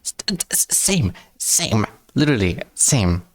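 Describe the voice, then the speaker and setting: Very animated yet slow-paced, a lowish-voiced man streams live and talks casually in English, which isn't his first language. He often fumbles and repeats words, joking about himself as he responds to chat, in a dry recording.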